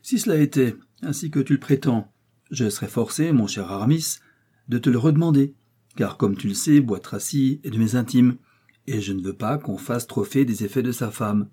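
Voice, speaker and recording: A man's voice: medium pitch, moderate pace, dark tone, breathy edge, close to an everyday voice. A man reading an audiobook, voicing a young male royal guard who speaks with affected solemnity. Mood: mock-serious.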